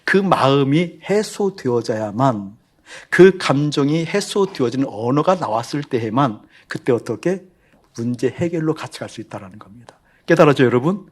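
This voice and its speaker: A man's voice: medium pitch, lively intonation, moderate pace, breathy edge. A male pastor preaching a sermon in a conversational way, often repeating phrases for emphasis and asking the congregation rhetorical questions. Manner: chuckles often while speaking.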